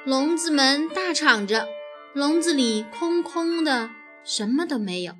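A woman reads a children's story aloud with expressive, animated storytelling. Her voice is high, and faint music plays behind her. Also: unhurried. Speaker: narrator.

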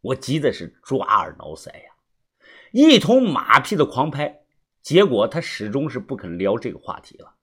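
Husky-voiced man narrating a novel. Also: medium pitch, normal speed. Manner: colloquial and wry, with lively rises. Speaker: audiobook narrator. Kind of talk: first-person novel narration.

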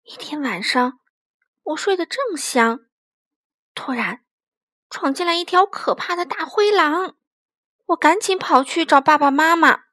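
Brief: gentle, expressive woman reading a picture book, high voice, dry close sound. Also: measured pace, pauses often, no room sound. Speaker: storyteller. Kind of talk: picture book read-aloud.

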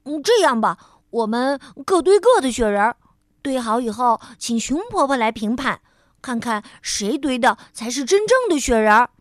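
A woman's voice: on the high side, big pitch swings, moderate pace, no echo, clean studio sound. A woman voicing a cheerful, eager young rabbit who talks insistently.

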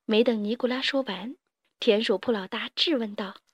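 A woman storyteller reading a children's story with lively, expressive narration. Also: a little high, normal speed, slightly rough, no echo, muffled recording.

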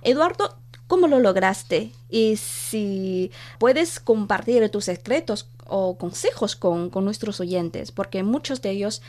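A woman's voice: medium pitch, expressive, slow pace, warm tone. A woman hosting an interview, friendly and teacherly in her questions. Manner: friendly, teacherly, exaggerates tones when demonstrating. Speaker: interviewer, host. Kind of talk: radio-style interview.

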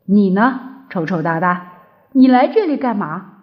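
A huge, lonely tyrannosaurus speaks low and slow, halting over his words, as a woman acts him out. He sounds gruff but turns gentle, in a storybook reading. The recording is dull and lo-fi. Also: lively intonation, lightly acted.

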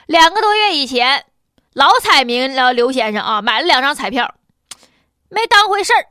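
High, bright-voiced woman with Northeastern Chinese accent. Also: sing-song, moderate pace, no room sound, studio quality. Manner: sarcastic, mocking, colloquial. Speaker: host. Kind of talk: comedic news commentary.

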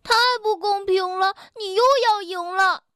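A woman voicing Tiaotiao, a timid young male animal who talks in a nervous, hushed, hesitant way. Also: very high-pitched, flat delivery, unhurried, dry recording, clean studio sound, pitched above the performer's own voice. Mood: nervous whisper.

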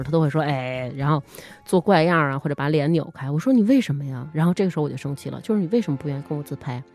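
Fast-talking woman. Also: low voice. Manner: animated, laughs often, acts out dialogue. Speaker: podcast co-host. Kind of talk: casual chat, comic storytelling.

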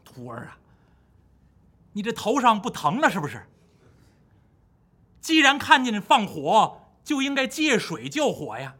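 A mild, pious Buddhist master, as a male storyteller puts him on, earnest and a little fretful, speaking in a bright, lively voice with plenty of movement in the pitch. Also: a little slow, long pauses, husky, heavily acted. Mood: gentle.

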